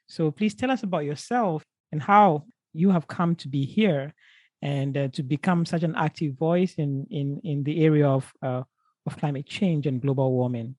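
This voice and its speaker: A man's voice: on the high side, darkish tone, no room sound, studio quality. A man hosting a podcast interview, welcoming his guest enthusiastically with frequent fillers and restarts. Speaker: podcast host.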